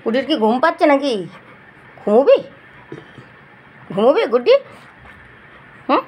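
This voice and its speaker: A woman filming her pet dogs, gently coaxing and scolding them in casual talk. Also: high-pitched, very animated, unhurried. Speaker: pet owner vlogger.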